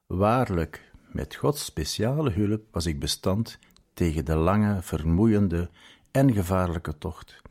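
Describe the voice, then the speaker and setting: A man reading a story aloud in a measured, scripted narration. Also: low voice, animated, darkish tone, slightly rough.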